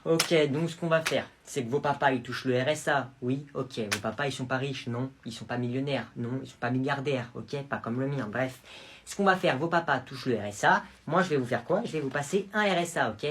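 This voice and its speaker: A performer playing a spoiled rich schoolboy in a comedy sketch. He talks in a low, hushed, smug murmur. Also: a little fast, slightly rough, close to an everyday voice.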